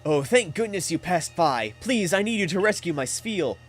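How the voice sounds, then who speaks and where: Man doing a worried villager, pleading, high-pitched. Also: expressive, moderate pace, breathy edge, soft background music. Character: worried villager who lost a pet.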